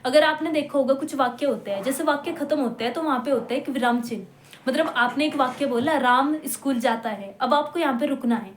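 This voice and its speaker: A woman teaching a lesson, explaining patiently, saying example words slowly and often checking that listeners follow. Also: sits high. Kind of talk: classroom-style lecture. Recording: echoey room with faint hum.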